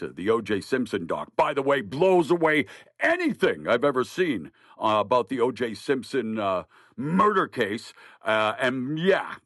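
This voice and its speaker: Punchy, animated male news-roundup host. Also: a little high, no room sound, studio quality. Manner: punchy, emphatic delivery with wisecracks. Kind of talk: scripted news roundup with jokes.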